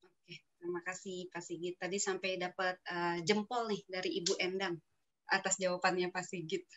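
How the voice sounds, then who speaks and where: A woman's voice: on the low side, little pitch movement, normal speed, a bit bright. A woman moderating a webinar, politely reading out questions from parents.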